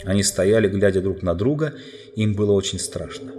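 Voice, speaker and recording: Low-voiced male audiobook narrator. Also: music in the background. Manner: measured storytelling. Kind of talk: scripted narration.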